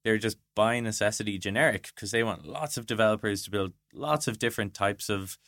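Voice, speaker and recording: A man with a fairly low, fairly bright voice talks fairly quickly in a studio-quality, echo-free recording. He's a guest in an interview, a product design director who explains his points conversationally and thinks aloud with illustrative asides.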